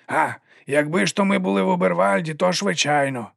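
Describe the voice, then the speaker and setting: Man voicing a lisping eager servant, higher voice, dry close recording, audiobook. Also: brisk, vocal fry, dry recording. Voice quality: lisp. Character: lisping hunchbacked male servant Igor, eager.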